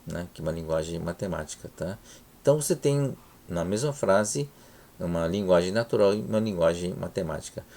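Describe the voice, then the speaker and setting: A man with a Brazilian Portuguese accent gives a recorded university lecture over slides, his low voice warm and creaky. He speaks unhurriedly, restarts words often, and keeps checking in with "tá?" and "né?"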